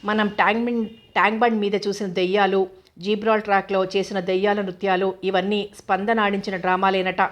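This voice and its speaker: A woman reading the lines of an earnest young man who speaks in a hushed tone over the phone, in a storybook reading. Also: medium pitch, flat delivery, brisk, close to an everyday voice.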